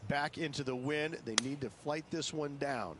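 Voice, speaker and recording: A man's voice: fairly high pitch, normal speed, natural voice. A man voicing a golf commentator for a game, giving descriptive analysis with emphasis on difficulty. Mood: emphatic, descriptive. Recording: clear outdoor ambient noise.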